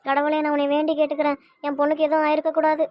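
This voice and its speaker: A woman's voice: high-pitched, monotone, a little mellow, no room sound, natural voice. A woman acting as an anxious mother worried about her missing daughter, firing off pleading questions in an amateur family web drama. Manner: rapid pleading questions, fretful.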